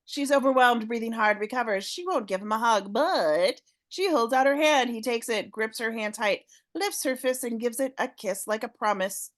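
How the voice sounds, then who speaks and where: A woman narrating the action descriptions of a fan audio drama script, reading at a paced rhythm with pauses. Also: on the high side. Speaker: narrator of stage directions.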